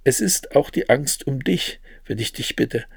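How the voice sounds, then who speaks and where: A man voicing a caring, worried mother in a read-aloud memoir, with a gravelly voice. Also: medium pitch, expressive, unhurried, no echo, clean studio sound, exaggerated voice. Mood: earnest.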